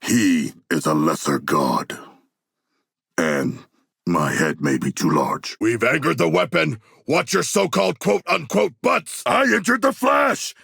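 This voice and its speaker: An actor voicing a huge, earnest, bloodthirsty humanoid shark warrior for a video game, speaking gravelly, formal and grandiose lines. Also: male voice, mid-range voice, sing-song, a little slow, a bit bright, no echo, studio quality, exaggerated voice. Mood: earnest, deadpan, then urgent battle calls. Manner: formal, stilted, grandiose diction. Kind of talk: video game character voice acting.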